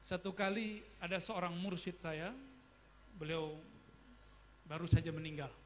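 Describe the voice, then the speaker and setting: A man's voice: high-pitched, a bit bright, a little hiss or hum. A man giving a religious study lecture, talking casually and often asking his listeners questions. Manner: conversational, asks the audience questions. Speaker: preacher. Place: study gathering.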